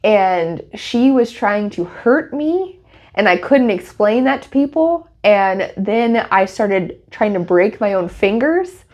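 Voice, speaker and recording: An animated woman telling a story in casual podcast chat. She laughs her way through the tale and keeps it lively. Her voice sits at an ordinary middle pitch for a woman. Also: slow. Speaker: podcast co-host.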